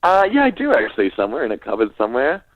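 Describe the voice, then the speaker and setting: Male comedian guest, Australian accent, camp and self-deprecating chat, mid pitch, dry muffled phone line. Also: huge pitch swings, racing, dry recording. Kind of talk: casual comic chat. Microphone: phone call. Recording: dull, close phone line.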